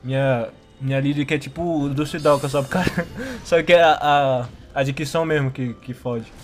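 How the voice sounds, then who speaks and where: A man's voice: medium pitch, steady tone, normal speed. A young man with a Brazilian Portuguese accent, chatting casually in slang with a slushy, tongue-tied lisp and muddy diction. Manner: slangy, laughs often. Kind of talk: casual chat over gameplay.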